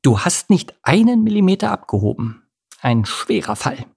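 A woman's voice: low-pitched, sing-song, gravelly, a little mellow, husky, voice pushed up, exaggerated voice. A man reading a storybook and voicing an eager, chatty female seagull who loves making plans. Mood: teasing. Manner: bubbly, bossy and quick to plan.

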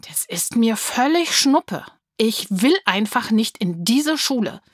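A woman's voice: on the high side, lively intonation, takes it slowly, dry recording, clean studio sound. A woman voicing a sulky, defiant young girl who talks stubbornly and pouts, in a storybook reading. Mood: defiant sulking. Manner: stubborn, pouting.

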